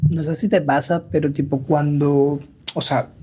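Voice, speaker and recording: A man's voice: fairly high pitch, flat delivery, moderate pace, warm tone, slightly rough. A man co-hosting a podcast in casual chat, colloquial and teasing. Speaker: podcast co-host.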